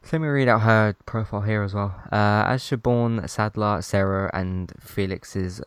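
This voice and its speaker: A man's voice: on the low side, steady tone, normal speed, clear, resonant tone, no echo. A man in casual chat reviewing a TV series, rambling a little and restarting his sentences. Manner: rambling, restarts often, chuckles between points. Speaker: podcast co-host.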